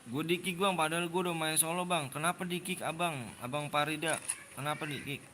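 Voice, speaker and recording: Young man, Jakarta accent, casual stream host, slightly high voice, faint hiss behind. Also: fairly even intonation, fairly quick, sharp tone. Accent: Jakarta Indonesian. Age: 20s. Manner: slangy, repeats himself, lectures viewers on manners. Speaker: livestream host running custom game rooms. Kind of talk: casual livestream chat.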